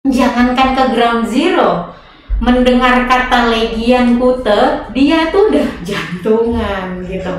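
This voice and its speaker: A woman being interviewed, telling her story in an animated way and slipping English phrases in. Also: fairly high pitch, slow pace, far from the mic, slight background noise. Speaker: interview guest. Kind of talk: conversational interview. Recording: echoey room, voice off-mic.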